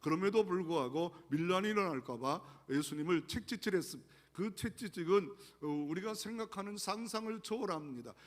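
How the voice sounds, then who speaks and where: A man's voice: sits high, lively intonation, fairly quick, few pauses. A man pastor delivering an earnest sermon, asking the congregation rhetorical questions. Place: large church sanctuary. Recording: long church hall reverb.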